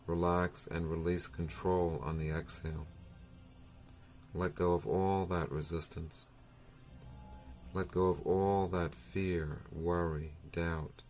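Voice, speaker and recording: A meditation teacher with a very low, darkish, steady voice guides a breathing meditation. He speaks very slowly and soothingly in short phrases separated by long, unhurried pauses, with faint music behind him.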